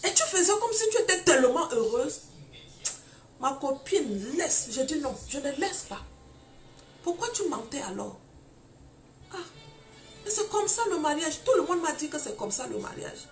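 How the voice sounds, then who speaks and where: A woman preaching a live-streamed testimony sermon, telling her story in an animated way, full of exclamations and acted-out dialogue. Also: high voice, moderate pace, pauses often, faint music behind.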